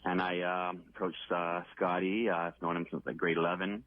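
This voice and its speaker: A man working as an animal control officer, calling in to a radio show and talking casually with halting fillers. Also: low-pitched, level tone. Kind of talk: phone-in radio interview. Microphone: phone line. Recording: tinny phone line.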